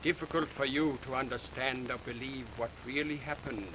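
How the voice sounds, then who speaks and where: An actor playing a solemn Eastern mystic hypnotist who speaks slowly and gravely, heard as early talkie film sound. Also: male voice, mid-range voice, steady tone, background noise. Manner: slow, measured, grave.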